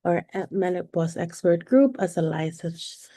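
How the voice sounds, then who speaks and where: A woman, a perimenopause coach giving a live online presentation in a halting way, with frequent fillers and self-corrections. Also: on the low side, animated, mellow, no room sound, clean studio sound. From Philippines. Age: 40s.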